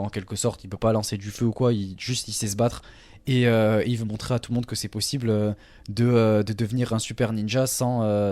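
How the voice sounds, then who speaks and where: A man's voice: fairly low pitch, warm tone, no echo. A man co-hosting a casual podcast, talking with frequent hesitations and fillers. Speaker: podcast co-host.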